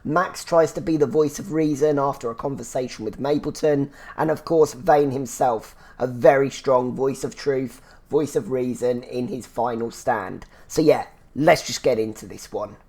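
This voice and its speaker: A man hosts a casual solo podcast reviewing a TV series, chatting and rambling with lots of "so yeah" restarts. His mid-range, darkish voice sounds a little congested and phlegmy, moving at a moderate pace with hardly any pauses.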